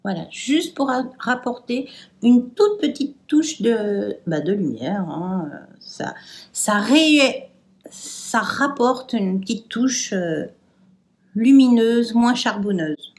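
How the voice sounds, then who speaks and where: A woman's voice: on the high side, lively intonation, takes it slowly. A French woman chatting casually through a makeup tutorial, hesitant and trailing off with fillers as she works. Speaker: beauty vlogger.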